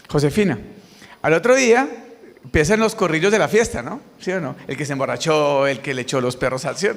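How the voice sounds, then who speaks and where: A middle-aged man with a Colombian accent gives a motivational conference talk and keeps drawing answers from the audience. His voice sits fairly high. The long reverb of a large hall hangs behind every phrase. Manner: lively, questions the audience directly. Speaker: motivational speaker. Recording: reverberant hall, mic on stage.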